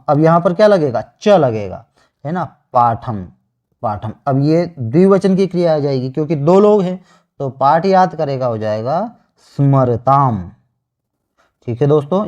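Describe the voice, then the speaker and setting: A man teaching Sanskrit grammar online, slowly repeating each answer after asking it back. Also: mid-range voice, warm tone. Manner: slow, repeats answers with rhetorical questions. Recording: dull lo-fi sound.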